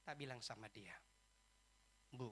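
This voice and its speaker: Bright-voiced male preacher telling a story. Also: fairly high pitch, expressive, fairly quick, a little hiss or hum. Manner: storytelling, quoting dialogue, rising to loud emphatic peaks. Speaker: pastor. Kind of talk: sermon with acted anecdotes. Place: church service.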